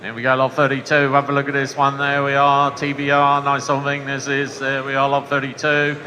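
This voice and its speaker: A man's voice: mid-range voice, completely flat delivery, fairly quick, pushed and bright. A man, saying "th" as "f", rattles off repeated bids as an auctioneer at a live sale. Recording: echoey sale hall with long reverb.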